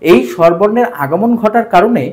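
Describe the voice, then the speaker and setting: A man with a Bangladeshi Bengali accent teaching a grammar lesson for exam preparation, repeating each term slowly for emphasis. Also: high-pitched, darkish tone.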